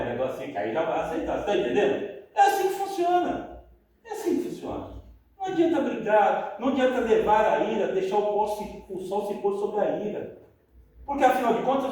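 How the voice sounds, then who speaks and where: A man preaching a sermon about marriage, chatty and animated, often laughing as he talks. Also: high-pitched, a little fast, slight background noise. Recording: echoey room, mic far off.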